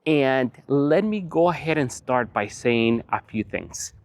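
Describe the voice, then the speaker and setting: A man's voice: mid-range voice, expressive, takes it slowly. Earnest man in his forties. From Venezuela. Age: 40s. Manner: earnest, repeating phrases for emphasis. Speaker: vlogger. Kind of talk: motivational talk to camera. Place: outdoors on a windy evening.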